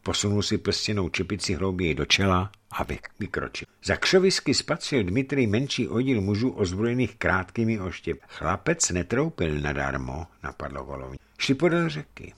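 A man narrating a historical adventure story in an expressive reading style. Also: lowish voice, hardly any pauses, husky.

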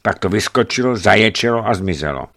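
Man doing an excited, urgent travel companion. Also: on the low side, creaky, voice pushed up. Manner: breathless, urgent. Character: excitable young male expedition companion.

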